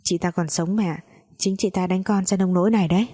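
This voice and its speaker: A woman's voice: on the low side, steady tone, fairly quick, natural voice. A woman doing a jealous hot-tempered young wife. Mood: weary. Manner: shouting, bitter.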